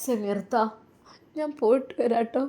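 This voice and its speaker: A young wife on the edge of tears, as a woman storyteller acts her out, speaks in a raised, choked voice. Her words come soft and broken. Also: high voice, slow pace, vocal fry, pitched above the performer's own voice, heavily acted. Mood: tearful. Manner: choked, tearful. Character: tearful young wife leaving home.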